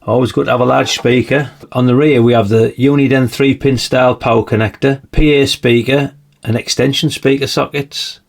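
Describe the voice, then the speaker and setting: A man with a slightly croaky voice, chatting casually through a radio review and tossing in tag questions. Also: mid-range voice, steady tone, moderate pace. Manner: chatty, adds tag questions like "isn't it, really?". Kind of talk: casual product demonstration.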